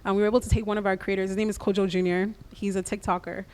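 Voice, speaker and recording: A woman, raised in the United States, speaks as a guest in a radio interview, explaining her creative business in a practical, measured way. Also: mid-range voice, flat delivery, darkish tone, clear, resonant tone.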